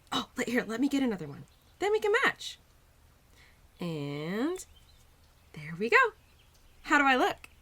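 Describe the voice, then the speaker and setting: A woman with a medium-pitched, slightly bright voice plays a bubbly, affectionate young spirit of Spring in a roleplay audio drama. She addresses the listener in a gushing, giggly, teasing manner.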